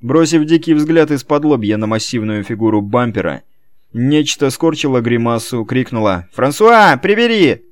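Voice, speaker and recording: A man narrating an audiobook in an expressive, storytelling way. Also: medium pitch, normal speed, dry recording. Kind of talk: scripted narration.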